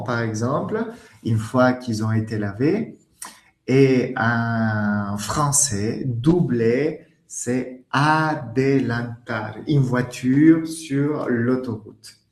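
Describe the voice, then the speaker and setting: A man's voice: medium pitch, a little mellow. A man teaching French in a webinar lesson, patient and repeating key words, recorded in an echoey room.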